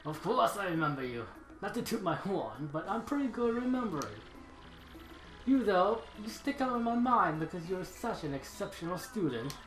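A man voicing an excitable, forgetful, bookish old male Goomba professor in a video game, fussy and exclamatory. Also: sits high, normal speed, roomy sound, faint music behind, rough recording. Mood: chatty.

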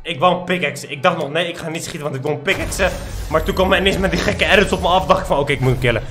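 A man's voice: on the high side, racing, fairly bright tone, soft background music. A young man giving boastful, trash-talking commentary over his own gameplay. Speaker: gaming YouTuber.

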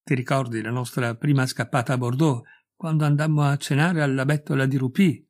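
A man voicing a loud, boastful and crude middle-aged former schoolmate, talking in a hearty, pushy way. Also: mid-range voice, fairly even intonation, a little fast, close to an everyday voice. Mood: boisterous.

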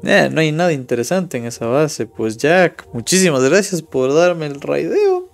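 A man's voice: fairly high pitch, big pitch swings, moderate pace, creaky, faint music behind. A young man from Ecuador giving casual live commentary while playing a mobile game and chatting with viewers. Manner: casual, chatty, reads viewer chat aloud. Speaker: streamer.

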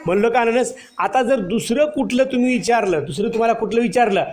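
A man's voice: extremely high pitch, a little fast, a little mellow. Patient male teacher drilling young pupils. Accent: Marathi. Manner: patient, repeats questions and answers to children. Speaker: primary school teacher. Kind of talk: classroom teaching of first-grade children.

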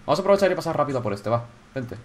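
Excitable gamer narrating his game. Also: fairly high pitch, very fast, slight background noise. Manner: excitable, swears, shouts when startled. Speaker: gaming YouTuber. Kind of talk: casual gameplay commentary.

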